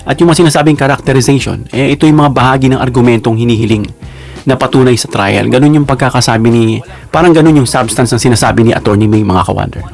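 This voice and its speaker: Gravelly Filipino man vlogging. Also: mid-range voice, a little mellow, soft background music. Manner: chatty, repeats "no?" and addresses viewers; slow and emphatic on key words. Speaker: political commentary vlogger. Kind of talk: casual political commentary.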